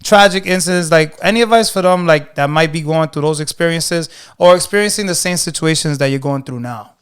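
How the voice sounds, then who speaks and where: A man with a high, smooth voice hosts an interview podcast. He keeps things laid-back and encouraging, and his phrasing is loose and full of slang. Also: brisk. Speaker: podcast host. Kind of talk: casual interview chat.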